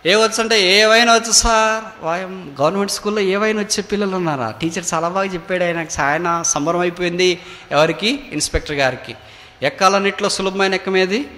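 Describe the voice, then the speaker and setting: Preaching man in a reverberant hall. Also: fairly quick. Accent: Telugu. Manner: swings from loud rising cries to low quiet asides. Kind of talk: sermon with acted story. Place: prayer hall.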